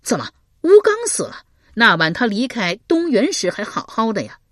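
A brash, mocking male scholar who loves his wine, voiced boldly in an audiobook by a woman reading all the parts. He speaks up louder than the narration, with a husky, lively delivery. The recording is close and dry. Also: fairly low pitch, moderate pace, no room sound, heavily acted. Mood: teasing. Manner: teasing, loud and laughing.

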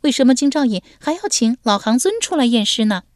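A woman voicing a bright, teasing young woman. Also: on the high side, animated, brisk, no room sound, clean studio sound, pitched above the performer's own voice, natural voice. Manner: perky and teasing, then sharply scornful.

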